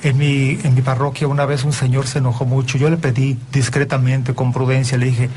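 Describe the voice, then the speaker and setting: Husky-voiced Mexican priest hosting a talk show. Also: male voice, medium pitch, a little fast. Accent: Mexican Spanish. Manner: earnest, preachy and animated. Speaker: priest and radio show host. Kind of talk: radio talk show conversation.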